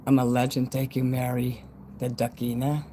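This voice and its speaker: A man's voice: mid-range voice, moderate pace. Man in his fifties with whistling s sounds. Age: 50s. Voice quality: whistling s sounds from a dental retainer. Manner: blunt, rambling, frequently swearing. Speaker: livestream host. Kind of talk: casual livestream chat. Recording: steady background noise.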